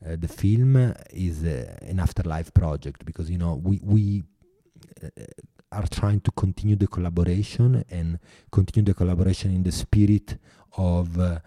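In New York, a man with an Italian accent and a very low, deeply mellow voice answers interview questions earnestly but haltingly, frequently stopping to start over. The recording is close and dry, with no echo.

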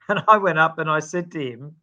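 A man with an Australian accent, a sales expert guest on a podcast, answering in a lively conversational way with filler ums and restarts. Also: a little high, normal speed, dull audio. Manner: animated storyteller with filler ums.

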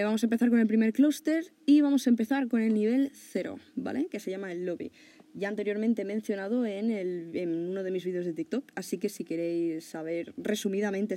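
A young woman hosts a casual podcast, rambling chattily and swearing offhandedly. Her voice sits mid-range and sounds mellow and soft-edged. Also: medium pitch. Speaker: podcast host.

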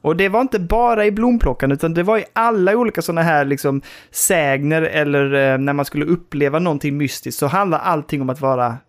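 A man from Sweden co-hosting a podcast, talking over games in a relaxed chat. His voice sits a little high, and he often pauses and restarts as he thinks. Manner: thoughtful, hesitant, many restarts. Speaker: podcast co-host. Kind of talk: casual chat.

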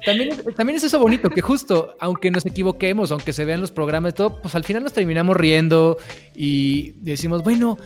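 A man hosting a casual radio show, animated, acting out quotes as he talks. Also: sits high, a little fast.

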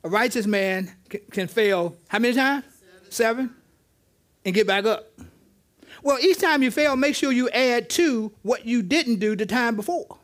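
A man's voice: very high voice, normal speed, fairly bright tone. A man, a pastor, teaching interactively in a church, stammering and repeating "okay" as he draws answers from the congregation. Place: church sanctuary.

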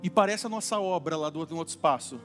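A Brazilian pastor with a Brazilian Portuguese accent preaches in a church hall in a fairly high, rapid-fire voice. His sermon is chatty and humorous, full of acted-out everyday quotes. The recording is reverberant, with faint music behind him.

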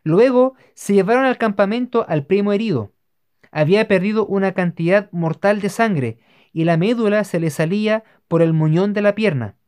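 A narrator giving a steady, measured scripted reading of religious history. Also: medium pitch, clean tone.

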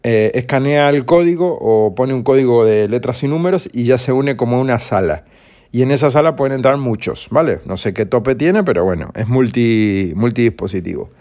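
A man's voice: medium pitch, moderate pace, darkish tone. A man hosting a solo podcast, explaining things in a rambling, casual way with frequent restarts. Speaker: podcast host.

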